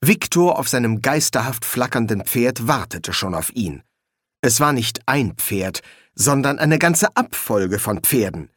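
Man, audiobook narrator, expressive, animated delivery, dry close sound. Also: mid-range voice, measured pace, no room sound. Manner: expressive, lively reading. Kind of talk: scripted narration.

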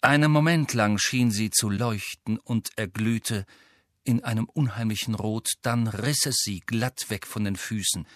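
A man reading a novel aloud with steady, even storytelling. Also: fairly low pitch, a little slow, dry recording, clean studio sound. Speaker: audiobook narrator. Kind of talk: scripted narration.

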